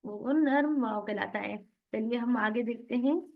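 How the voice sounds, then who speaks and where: Female tajweed teacher, high voice, asks and answers her own questions, dull lo-fi class audio. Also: vocal fry. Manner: drills syllables slowly, one by one. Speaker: Quran recitation teacher.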